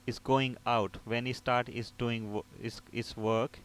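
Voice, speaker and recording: An unhurried man with a mid-range voice and little pitch movement teaches an informal technical tutorial step by step. As a repair technician instructor, he explains by raising his own questions and answering them. The recording's background is clear.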